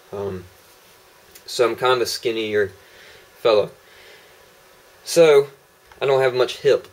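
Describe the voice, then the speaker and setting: In this casual vlog, a young man demonstrating his holster prototypes on camera rambles along, full of ums and uhs. He has a lowish voice, and the audio from the tripod-mounted camera mic is poor.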